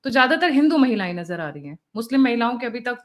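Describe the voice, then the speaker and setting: A woman's voice: on the high side, sing-song, fast. A woman hosting a political discussion, speaking hesitantly with fillers while she thinks aloud. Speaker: host.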